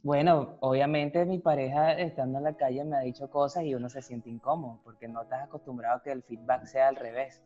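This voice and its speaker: A man of middle pitch speaks haltingly in a casual chat, starting his sentences over again. The sound is muffled and lo-fi, with faint music underneath. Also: steady tone, mellow. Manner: hesitant, halting, many restarts.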